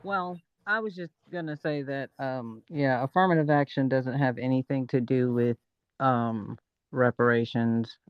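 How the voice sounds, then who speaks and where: A man speaking in a measured, hesitant way in an online audio room. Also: medium pitch, fairly even intonation, clear, resonant tone, dry recording, lo-fi sound. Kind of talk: casual discussion.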